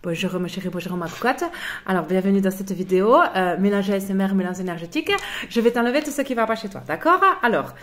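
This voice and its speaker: A woman's voice: medium pitch, quick pace, close to an everyday voice. Woman doing a chatty fake energy healer. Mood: cooing. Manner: chatty, cooing, fake-soothing, over-familiar. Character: ditzy woman playing an online energy healer. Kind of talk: comedy sketch.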